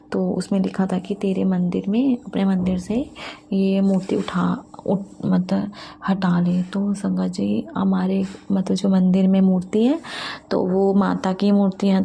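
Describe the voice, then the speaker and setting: Gravelly, flat-voiced woman sharing faith testimony. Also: medium pitch, slight background noise. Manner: halting, many fillers and restarts. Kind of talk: devotional testimony talk.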